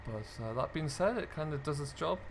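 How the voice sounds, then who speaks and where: Expressive and a little high, the voice of this British streamer moves a little fast as he hosts casual farming simulator role play commentary, explaining and thinking aloud. Engine and vehicle noise from the game's tractor and loader carries clearly behind.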